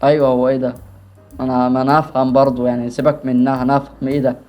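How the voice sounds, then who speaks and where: A man's voice: mid-range voice, flat delivery, racing, a little mellow, faint music behind. A man with an Egyptian accent hosting a reaction video, teasing and joking in casual commentary. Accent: Egyptian Arabic.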